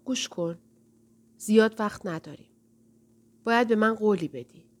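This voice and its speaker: A woman voicing a weak young woman who pleads in a low, faint voice. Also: a little mellow, natural voice. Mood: pleading.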